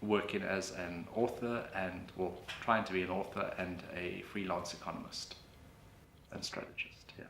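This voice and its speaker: A man, answering interview questions in a relaxed way, correcting himself now and then. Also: sits low, moderate pace, gravelly. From South Africa. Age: late 30s. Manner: relaxed, with fillers and self-corrections. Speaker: author and freelance economist. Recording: echoey room with background noise.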